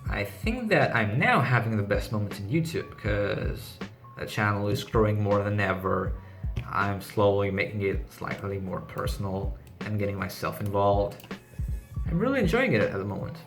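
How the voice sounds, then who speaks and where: This car channel host from Greece has a lowish voice with big pitch swings and a moderate pace. Speaking with a Greek accent over background music, he reads out questions in a casual vlog and answers them in a brief, matter-of-fact way.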